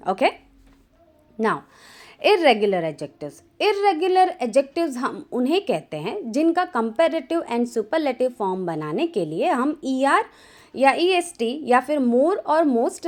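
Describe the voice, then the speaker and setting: A woman teaching a grammar lesson, her fairly high voice rising and falling a lot. She moves slowly, stretching out each word as she reads lists aloud, and shifts between Hindi and English as she explains. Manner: slow, drawn-out dictation of word lists.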